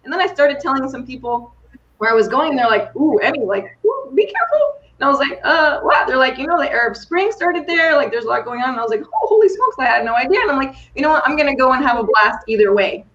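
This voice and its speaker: Brief: enthusiastic woman coach, fairly high voice, slightly muffled recording. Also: quick pace. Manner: enthusiastic, animated storyteller. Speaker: coach and keynote speaker. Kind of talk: storytelling in podcast conversation.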